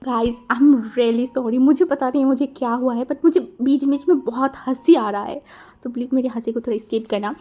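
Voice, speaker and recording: Woman, high voice, casual story retelling, chatty, giggly. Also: brisk, warm tone. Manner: chatty, mixes English words, giggly. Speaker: fanfiction storyteller.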